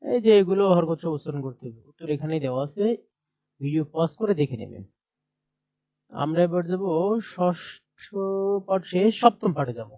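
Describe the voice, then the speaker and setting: A man's voice: on the high side, lively intonation, moderate pace, pauses often, dry recording, dull audio. A man teaching a primary class over a shared screen, explaining step by step and repeating letter sounds aloud. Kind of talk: screen-share textbook lesson.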